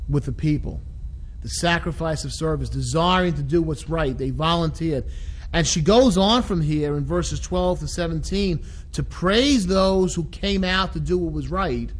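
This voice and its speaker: A man preaching a sermon as a pastor, deliberate and repeating phrases for emphasis. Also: on the high side, poor audio. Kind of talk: sermon, expounding scripture.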